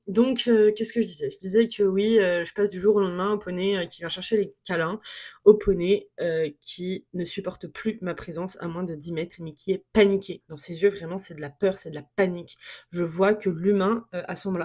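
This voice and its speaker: In a self-recorded podcast monologue, a woman with a lowish, slightly mellow voice opens up candidly about her pony. She repeats herself frequently while sorting through her emotions.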